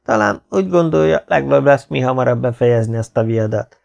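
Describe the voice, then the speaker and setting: A man voicing a calm, easygoing medieval knight in an audiobook, speaking lightly to a friend. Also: mid-range voice, gravelly, lo-fi sound, pitched above the performer's own voice.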